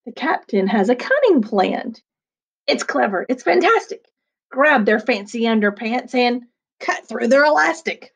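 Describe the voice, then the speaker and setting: This teacher's voice sits on the high side, sing-song and unhurried yet gravelly and husky. A woman in her forties who teaches second grade, she reads a picture book aloud with playful, chatty asides to the kids, recorded on a desk webcam in a small attic room at home.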